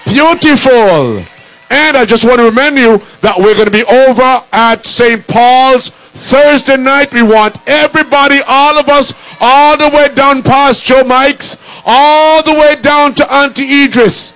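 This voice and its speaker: A man emceeing a political rally, shouting and calling out to the crowd. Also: very high voice, a little slow, rough recording. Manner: shouting, call-and-response with the crowd. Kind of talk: rousing political rally speech.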